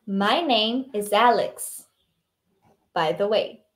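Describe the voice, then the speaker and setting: A woman reads a friendly local man's lines in a practice dialogue, keeping her own voice and speaking slowly and clearly. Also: mid-range voice, voice pushed down. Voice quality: teacher's own voice, changes intonation only. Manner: slow, carefully articulated model reading. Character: friendly male local inviting a tourist to lunch.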